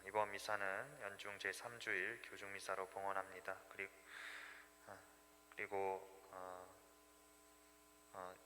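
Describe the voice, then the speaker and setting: A male priest addresses a congregation at Mass in a lowish, forceful voice with little melodic movement. The church adds long reverb, and a faint hum sits underneath. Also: level tone, takes it slowly, pauses often. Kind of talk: liturgical address and greeting to congregation.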